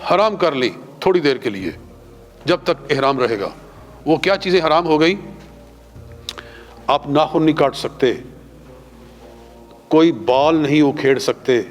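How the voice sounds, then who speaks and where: A man with a Punjabi-influenced Urdu accent teaching a class on pilgrimage rites. He has his listeners repeat prayers after him, slowly and drawn out. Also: on the high side. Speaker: religious teacher.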